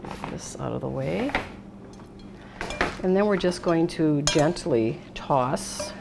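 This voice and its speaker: A middle-aged American woman hosts a relaxed cooking demonstration, talking unhurriedly through each step at a steel worktop in an indoor kitchen. Her voice sits low with vocal fry, lively intonation and a slow delivery. Dishes clatter in the noisy kitchen.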